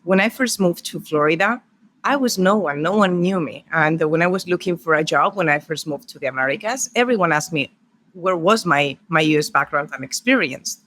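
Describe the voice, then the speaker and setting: Brief: Spanish-accented woman, middle-aged, interview guest, warm storyteller who lists her points. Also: on the low side, animated, a little fast, a little hiss or hum. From Spain. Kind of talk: podcast interview.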